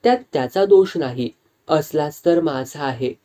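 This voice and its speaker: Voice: mid-range voice, measured pace, mellow, close to an everyday voice. A storyteller voicing a frank village wife who earnestly explains things to her close friend. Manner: earnest, confiding, explaining at length. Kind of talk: storytelling with character voices.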